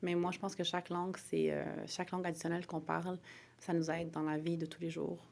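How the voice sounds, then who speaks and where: A lawyer from Montreal, Quebec, Canada, with a Quebec French accent, answers interview questions as a guest, speaking conversationally and hesitantly while often repeating and rephrasing herself. Her voice sits on the low side with little pitch movement, a darkish tone and vocal fry, and she talks fast.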